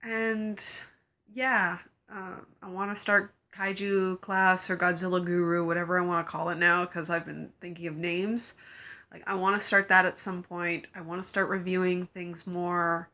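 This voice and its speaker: Congested young woman rambling on her vlog, giggles a lot, bright voice. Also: fairly low pitch, little pitch movement, moderate pace. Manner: rambling, giggly, lots of fillers. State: congested from a cold. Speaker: cosplay vlogger. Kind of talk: casual chat to camera.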